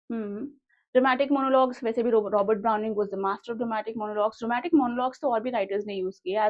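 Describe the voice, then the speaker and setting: A woman's voice: on the high side, lo-fi sound. A young Indian woman teaching an online exam-prep literature class, mixing Hindi and English and reading questions aloud. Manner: switches between Hindi and English, reads questions aloud slowly.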